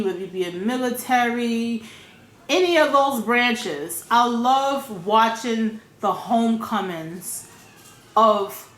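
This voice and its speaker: A woman's voice: on the high side, fairly bright tone, reverberant. A woman vlogging her opinions in a blunt, profane way, repeating her points for emphasis. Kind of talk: casual opinion rant.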